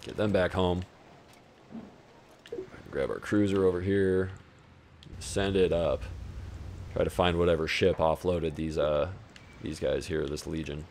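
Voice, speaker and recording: A man's voice: sits low, slight background noise. A young man giving casual, laid-back commentary on his own strategy gameplay, talking to himself as he plays. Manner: laid-back, talks to himself while playing. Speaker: gaming YouTuber.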